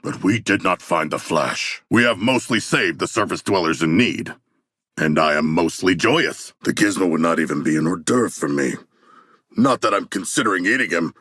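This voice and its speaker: A man playing a hulking, proud humanoid shark warrior in a video game, speaking in stilted, grandiose formal phrases with a gravelly voice. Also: low-pitched, expressive, moderate pace, a bit bright, no echo, studio quality, heavily acted. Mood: earnest, solemn. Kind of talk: video game character dialogue.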